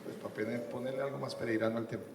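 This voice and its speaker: A man preaching a sermon, animated and swinging from loud bursts to hushed asides. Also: mid-range voice, racing, very noisy. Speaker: pastor. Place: church hall. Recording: echoey church hall with faint music.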